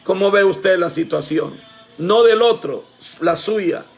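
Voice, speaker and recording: A man preaching a sermon with fervor, often shouting and calling on his congregation as brothers. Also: high-pitched, takes it slowly, gravelly, faint music behind.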